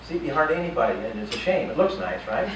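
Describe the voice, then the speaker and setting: A man's voice: fairly high pitch, lively intonation, fast talker, creaky, a loud crowd. An older man performing as a stage magician in a casino showroom, keeping up jokey, chatty banter with volunteers from the audience. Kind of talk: live magic show patter. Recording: echoey, distant, noisy live room.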